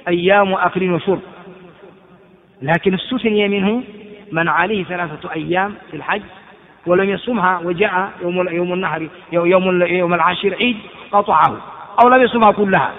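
A man giving an Islamic lesson on Quran commentary, explaining by repeating phrases and asking rhetorical questions. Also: high voice. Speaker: Islamic scholar teaching. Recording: tinny lo-fi recording in echoey hall.

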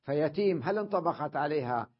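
In a dull, lo-fi lecture recording, a man with a fairly high, expressive voice moves at a brisk pace. He's teaching an Arabic grammar class, explaining things patiently and checking often that his students are keeping up.

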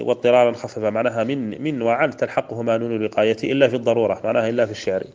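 Low-voiced Mauritanian sheikh teaching grammar. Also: male voice, a little mellow. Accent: Mauritanian Arabic. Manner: measured, recites verses slowly then explains with fillers. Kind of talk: classical grammar lesson explaining verses. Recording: dull lo-fi recording.

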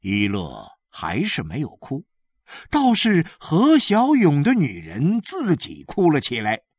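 A woman narrating a literary story in a measured, expressive storytelling manner. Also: low voice, slightly rough, no room sound, studio quality.

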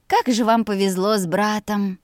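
A woman reading an audiobook voices a shy young maid who sighs dreamily, in a higher, soft voice. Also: steady tone, moderate pace, no echo, clean studio sound, close to an everyday voice. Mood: dreamy. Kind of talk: audiobook character voice.

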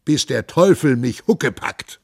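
A man voicing a gruff robber captain who sneers and mocks. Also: medium pitch, animated, slow, no echo, studio quality, exaggerated voice. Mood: sneering.

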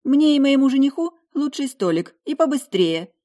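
A woman voicing a feisty young noblewoman who turns loud, shrill and bossy when provoked. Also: animated, moderate pace.

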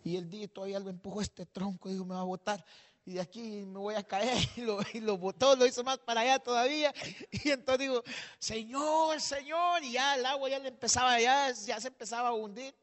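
A male pastor telling a parable in a sermon, rising to a shout and having the congregation repeat after him. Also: very high voice, fairly even intonation, fairly quick, in a large hall. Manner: storytelling, shouting when stirred, calls on the congregation to repeat.

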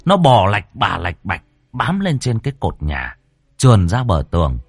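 Brief: male ghost-story reader, wildly varied pitch, faint music behind. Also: wildly swooping pitch, moderate pace, slightly rough, no room sound. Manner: dramatic, swooping delivery.

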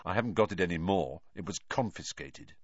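A man's voice: mid-range voice, animated, moderate pace, no echo, pitched above the performer's own voice, natural voice. A man voicing a gloomy, weary teenage boy wizard, recorded a little dull and dry.

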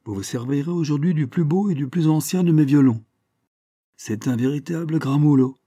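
A man's voice: a little high, moderate pace, mellow, voice pushed up, lightly acted. A man voicing a pompous aging male baron who is a proud violin connoisseur, declaiming grandly and emphatically. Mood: ceremonious.

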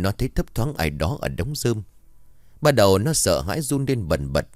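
Man telling a story in a lively, expressive voice. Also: low voice, no echo, studio quality. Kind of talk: storytelling narration.

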